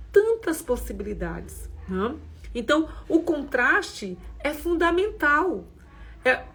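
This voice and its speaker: Woman host, husky and a little high, gentle reflective self-help talk, chatty asides. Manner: gentle, conversational, frequent "né?" asides. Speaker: host of a women's self-development community.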